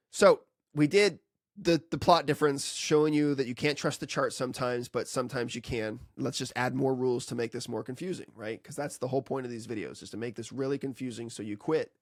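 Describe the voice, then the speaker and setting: A man's voice: medium pitch, no echo, studio quality. A man teaching HVAC data analysis in a casual walkthrough, full of sarcastic jokes and playful asides. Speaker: HVAC instructor.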